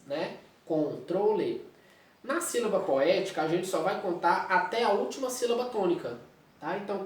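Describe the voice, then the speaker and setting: A man's voice: high-pitched, a little mellow. Brazilian male teacher explaining a lesson, constant check-ins, distant mic in a very echoey room. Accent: Brazilian Portuguese. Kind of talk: recorded classroom lecture.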